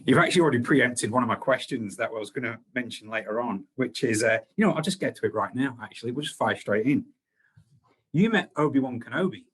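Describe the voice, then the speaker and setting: A man's voice: mid-range voice, expressive, fast talker, fairly bright tone, breathy edge. A man from Scotland with a Scottish accent blended with Australian, interviewing a guest in a chatty, jokey manner. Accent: Scottish mixed with Australian. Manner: chatty, jokey, laughs easily. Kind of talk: casual interview chat.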